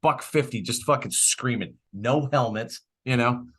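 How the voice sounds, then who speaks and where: His voice is husky and mid-range, his pace measured, as he co-hosts a laid-back comedy podcast. He is blunt and profane and jokes around, animating his stories by acting out lines of dialogue.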